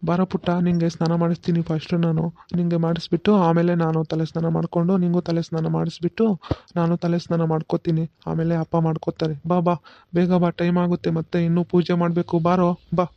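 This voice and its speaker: The recording is lo-fi with no room sound, and it carries a natural, slightly high male voice delivered fast and entirely flat. He's doing cartoon voice work as a patient village father, explaining the ritual one step at a time in an instructive tone and repeatedly asking "okay?" to be sure he's followed.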